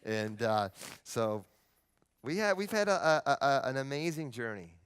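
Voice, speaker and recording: A man presenting at a live seminar, telling a story on stage in an animated, emphatic way. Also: mid-range voice, unhurried, clear, resonant tone.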